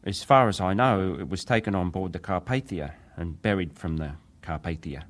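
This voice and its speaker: A deep, natural-sounding young wireless operator from a ship, portrayed by a male actor, takes the stand in a staged hearing. His answers come measured and deferential with some hesitation, the careful speech of a survivor, and the mood is grave and restrained.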